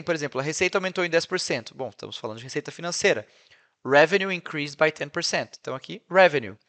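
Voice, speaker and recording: A Brazilian man with a Brazilian Portuguese accent, talking over a screen recording as an English teacher. His voice sits a little high for a man, and he keeps it chatty, tossing in quick tag questions between points. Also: a bit bright. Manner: chatty, peppered with "né?" and "ó". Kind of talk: casual screen-share tutorial.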